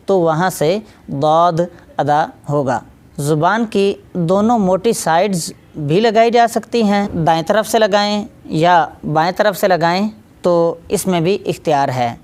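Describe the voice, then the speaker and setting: A woman's voice: lowish voice, a little mellow. A woman teaching Quran recitation, patiently explaining step by step and drilling syllables aloud. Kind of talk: tajweed pronunciation lesson.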